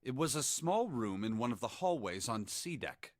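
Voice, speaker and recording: Give me a man acting a measured, courteous game character with a lively, expressive pitch. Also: no echo, clean studio sound, lightly acted. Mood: calm. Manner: formal, calm, precise. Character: composed blind gentleman, polite and measured.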